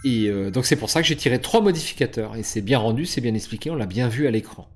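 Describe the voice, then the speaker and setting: Speaking quickly at medium pitch, this animated board game channel host runs a casual session explaining rules and moves. Frequent hesitations, fillers and restarts mark his delivery.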